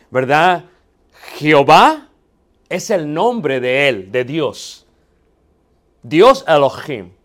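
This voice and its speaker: A man teaching a theology class, asking the students questions and checking that they are following. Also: a little high. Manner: poses rhetorical questions and answers them himself. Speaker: Bible teacher.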